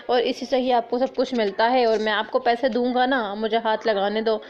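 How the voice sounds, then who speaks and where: Storybook role: a woman reading a coaxing, leering man; higher pitch, muffled recording. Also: steady tone, darkish tone, natural voice. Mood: pushy. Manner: pushy, coaxing.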